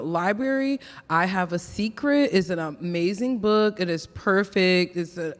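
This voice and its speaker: A host speaks slowly and deliberately while leading a relaxed conversation on a theater stage. The voice carries a long hall reverb, and the thank-yous and remarks come in an unhurried way. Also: medium pitch, clean tone.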